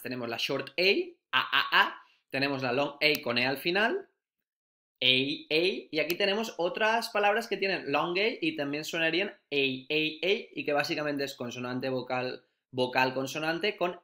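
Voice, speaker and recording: A male primary school teacher giving a phonics lesson, slowly sounding out and repeating letter sounds. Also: medium pitch, bright, forceful tone.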